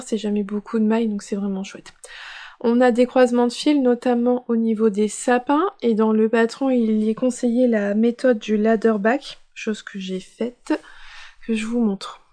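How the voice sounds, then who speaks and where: A woman's voice: a little high, warm tone. A woman hosting a knitting podcast, chatting casually and enthusiastically as she shows her work, with frequent hesitations. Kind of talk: casual show-and-tell chat.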